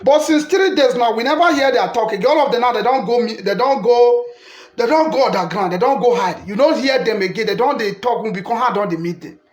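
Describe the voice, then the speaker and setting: A Nigerian man with a high-pitched voice delivers a passionate political monologue. He preaches and repeats himself, weaving scripture into his points. The sound is echoey, as if recorded in a bare room. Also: animated, brisk. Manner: preachy, quotes scripture, repetitive.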